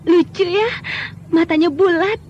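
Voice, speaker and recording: Old radio drama: a soothing, playful young married woman fighter; high-pitched, muffled lo-fi recording under faint music. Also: slow pace. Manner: gentle, teasing, soothing. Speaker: Dewi Astini, a radio drama character.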